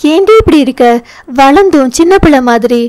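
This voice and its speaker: A woman's voice: high-pitched, animated, normal speed, a little mellow, dry recording. A woman voicing a worried, scolding middle-aged mother in an audio novel. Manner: fretful, scolding.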